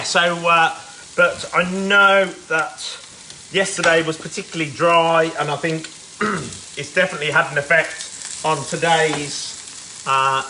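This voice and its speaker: A man's voice: fairly high pitch, pushed and bright, low-quality recording. Casual home-cook man, bit nasal, loose and chatty, frying pan hissing in the background. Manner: chatty and rambling, with fillers. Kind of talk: casual live cooking chat. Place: city apartment kitchen. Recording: sizzling pan behind the voice. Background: food frying in a pan.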